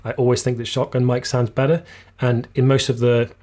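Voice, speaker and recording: A man hosting a live videography Q&A stream, explaining gear casually, slightly losing his voice, recorded on a boom shotgun mic in a small room. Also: little pitch movement, brisk, darkish tone. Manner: casual, explanatory, reads viewer comments aloud. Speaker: videography channel host. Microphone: shotgun boom mic just out of shot.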